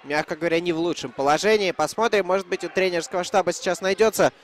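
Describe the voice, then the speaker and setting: A man's voice: sits high, fast talker. A man giving live commentary on an ice hockey match as it unfolds.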